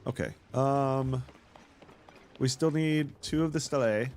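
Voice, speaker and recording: A man's voice: medium pitch, takes it slowly, a little mellow, a little hiss or hum. A man hosting a let's play, giving casual, teasing commentary as he plays. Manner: playful, teasing, wry asides.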